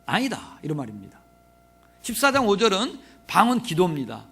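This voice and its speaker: A pastor with a high-pitched, wildly swooping voice that is brisk, creaky, pushed, bright and slightly rough preaches a humorous sermon in a church sanctuary. His speech mixes Korean dialects with touches of Jeolla, and he jokes, questions the congregation and has them repeat after him, sometimes slipping into regional dialect.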